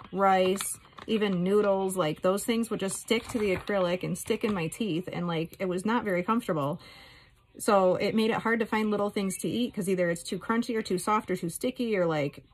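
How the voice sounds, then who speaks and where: Casual woman vlogger just rambling along, candid and chatty, mid pitched voice. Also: slight background noise, rough recording.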